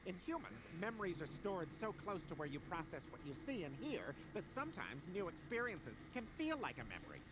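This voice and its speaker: A man's voice: fairly high pitch, wildly swooping pitch, brisk, hardly any pauses, noisy background. A man voicing a snide, flamboyant cartoon space alien who lectures in a haughty, condescending way.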